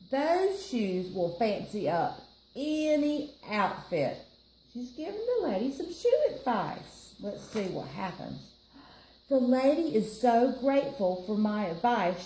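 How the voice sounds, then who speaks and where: At library storytime, an American woman with a slightly high, slightly mellow voice reads a picture book to children. She chats and explains as she goes, speaking to the listeners and a co-reader, in a roomy, echoey space with faint background noise.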